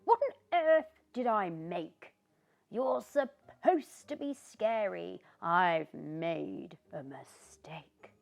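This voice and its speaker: A woman voicing a grumpy, bossy female witch in a storybook, speaking in a loud, stern, scolding way. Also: on the low side, expressive, drawn-out words, gravelly, highs cut off, exaggerated voice. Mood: fretful.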